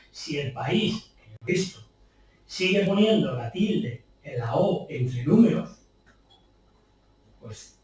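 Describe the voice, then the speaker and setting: In a bookshop event room, a Spanish copy editor gives an informal public talk, chatty and anecdotal, adding rhetorical questions as he goes. His voice is fairly high and a little mellow. The recording is distant and very echoey, with slight background noise.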